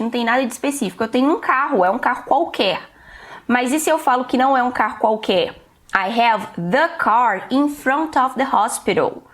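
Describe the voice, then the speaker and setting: A woman with a Brazilian accent giving an online English lesson, patient and reassuring, slowing down to spell out examples. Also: on the high side. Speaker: English teacher.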